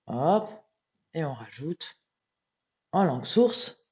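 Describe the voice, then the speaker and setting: A tired woman, a medium thinking aloud as she transcribes a text live, muttering to herself and reading passages slowly. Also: low-pitched, sing-song, a little mellow, highs cut off.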